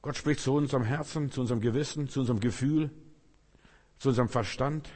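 A man with a husky, somewhat breathy voice delivers a sermon, building his points in short repeated phrases aimed straight at the listener. His voice rings out with a long reverb, as in a large hall. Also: mid-range voice, fast talker, a little mellow. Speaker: preacher.

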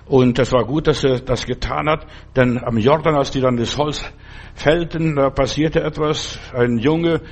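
A man's voice: medium pitch, a little slow, breathy edge. A man preaching a sermon and reading a Bible story, talking in an earnest, fatherly way straight to the listener.

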